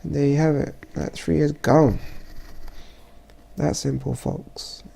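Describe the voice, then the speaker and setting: Stuffy, gravelly-voiced man talking slowly. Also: fairly high pitch, little pitch movement, dark tone. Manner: halting, thinking aloud while working. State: stuffy, congested. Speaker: photographer. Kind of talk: casual software tutorial voice-over.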